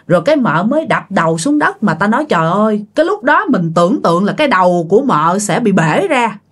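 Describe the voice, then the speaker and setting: Animated woman telling a ghost story. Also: mid-range voice, fast, husky. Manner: animated, addresses listeners directly. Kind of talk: retelling a ghost story to listeners.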